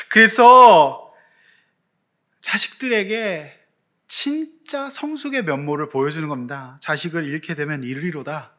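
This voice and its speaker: A man preaching a Sunday sermon as pastor, animated, with sudden loud swells. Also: sits high.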